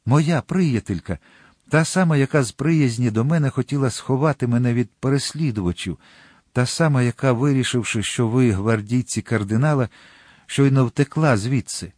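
A man's voice: medium pitch, normal speed, darkish tone, dry recording, clean studio sound, lightly acted. A man voicing a frail, loving young woman in a storybook reading, with a raised, breathless, pleading delivery. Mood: anxious.

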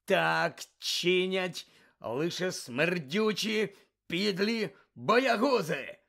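Brief: man voicing gruff old wizard professor, gravelly, barking, audiobook. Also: very animated, slow pace, pushed and bright, heavily acted. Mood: gruff, roaring. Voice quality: low gravelly growl. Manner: barking, roaring commands.

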